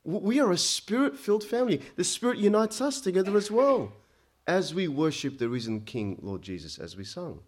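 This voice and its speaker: Emphatic preacher born in Egypt. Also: male voice, animated, fairly quick. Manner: emphatic, rising to loud peaks then dropping low; frequent stammered restarts. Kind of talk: sermon.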